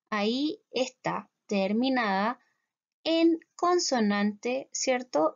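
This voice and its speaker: A Chilean woman teaching an English grammar lesson. Her voice sits fairly high, and she keeps asking her students whether they follow, drawing the English words out slowly. The recording is dull and lo-fi. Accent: Chilean Spanish. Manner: patient, repeats "¿cierto?" to check understanding. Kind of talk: classroom lesson explaining grammar. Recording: dull lo-fi sound.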